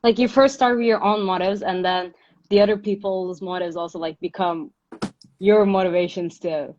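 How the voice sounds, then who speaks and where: With a steady, medium-pitched, slightly mellow voice at a moderate pace, a young Turkish woman runs a casual livestream interview with a video-call guest, relying on "like" and "uh." The dull lo-fi audio carries slight background noise.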